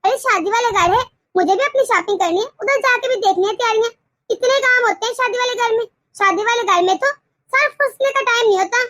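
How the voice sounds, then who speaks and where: A woman's voice: extremely high pitch, a little fast, a bit bright, dry recording. A woman voicing a stubborn, self-centred young daughter-in-law in a cartoon, arguing back defiantly. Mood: insistent. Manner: defiant, argumentative. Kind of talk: cartoon voice acting.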